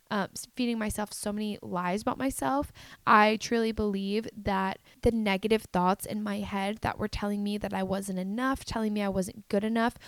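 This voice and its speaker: A woman's voice: medium pitch, no echo. Earnest young woman telling a story. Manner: earnest, confessional, many fillers like "like". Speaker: vlogger. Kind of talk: personal storytelling to camera.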